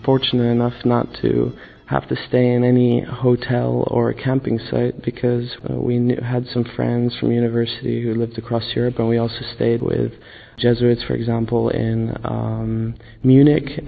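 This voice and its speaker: A man's voice: medium pitch, gravelly, phone-quality sound. A man in his twenties recounting a pilgrimage in casual testimony, hesitant with many fillers and restarts. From born in the USA, raised in the Caribbean and Poland. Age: 20s. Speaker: pilgrim interviewee.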